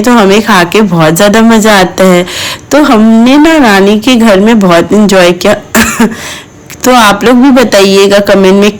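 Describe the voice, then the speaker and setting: Woman vlogger, mid-pitch voice-over, chatty and fond, keeps addressing viewers. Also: rough recording. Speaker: vlogger and mother. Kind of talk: chatty family vlog voice-over.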